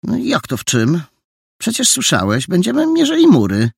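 Timid boy detective played by a man, hesitant, higher pitch, husky. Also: wildly swooping pitch, normal speed, a little mellow, dry recording, clean studio sound, full character voice. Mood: earnest. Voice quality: hesitant, half-whispered at times.

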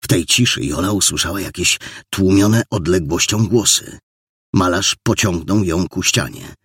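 A man's voice: low-pitched, normal speed, a bit bright, slightly rough, no echo, clean studio sound. A man narrating an audiobook with dramatic storytelling. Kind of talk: scripted narration.

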